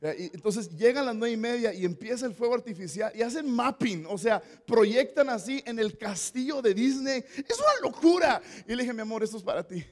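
A man with a northern Mexican accent delivers a sermon in a strikingly high voice. He is animated and humorous and often checks in with his listeners through quick rhetorical questions. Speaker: pastor. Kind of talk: storytelling sermon.

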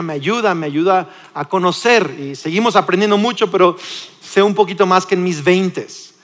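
A man in his forties with a Mexican accent, preaching a sermon in a lively, conversational way with frequent restarts. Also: sits high, in a large hall. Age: 40s. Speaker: pastor. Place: church.

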